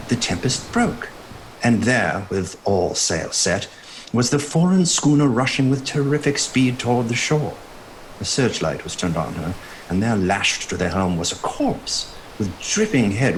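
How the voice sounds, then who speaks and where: An actor playing a grave doctor who presents evidence and reads a news report with theatrical suspense in a horror radio drama. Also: male voice, lowish voice.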